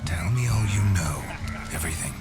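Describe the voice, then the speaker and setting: An actor playing a smug, flirtatious monster hunter in a video game, teasing and theatrical in manner. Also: male voice, low-pitched, animated, a little fast. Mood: flirtatious, cocky. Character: ghost-possessed monster hunter, a cocky, flirtatious rogue. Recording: music behind the voice.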